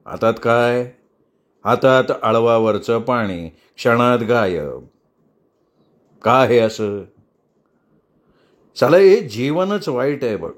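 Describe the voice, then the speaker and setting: A man's voice: mid-range voice, expressive. A man doing a weary drunk man brooding on fate. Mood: bitter brooding. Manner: slow, bitter, philosophical.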